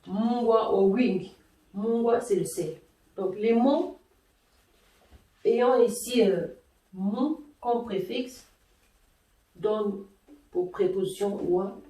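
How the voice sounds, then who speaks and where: Slow, patient woman teaching a language. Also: medium pitch, dark tone, echoey room, recorded from a distance, rough recording. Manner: slow, patient explaining with frequent hesitations. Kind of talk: spoken language lesson.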